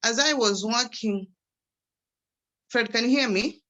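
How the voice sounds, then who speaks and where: Bright-voiced Kenyan grandmother. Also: fairly high pitch, slow. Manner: conversational, with frequent restarts. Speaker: guest speaker. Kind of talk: personal testimony on a video call. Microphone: video call.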